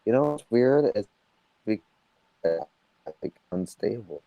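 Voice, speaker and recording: Man, very low voice, dry sound, glitchy audio cutting out, halting speech. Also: expressive, warm tone, no room sound, poor audio. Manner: hesitant, halting, many fillers. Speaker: podcast co-host. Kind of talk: casual chat about occult books.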